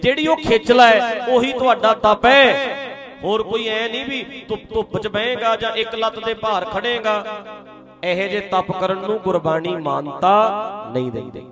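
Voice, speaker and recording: With a high-pitched voice and a moderate pace, a man from India's Punjab preaches to a Sikh congregation. He keeps things lively, teasing his listeners and peppering them with rhetorical questions.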